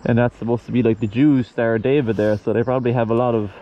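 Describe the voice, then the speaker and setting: A man's voice: mid-range voice, steady tone, quick pace, warm tone. An Irish man bantering casually outdoors in a wry, sweary way. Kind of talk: casual banter while walking. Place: outdoors on a woodland path. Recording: dull muffled audio, faint outdoor noise.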